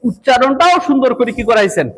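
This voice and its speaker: A man's voice: extremely high pitch, expressive, fast, fairly bright tone, a little hiss or hum. A man, training madrasa teachers in a lecture and repeatedly quizzing his audience. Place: madrasa hall. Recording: echoey hall with long reverb.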